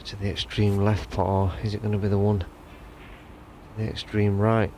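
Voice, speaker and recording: Male snooker commentator: deepish, understated, hushed delivery over noticeable background noise. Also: flat delivery, normal speed, poor audio.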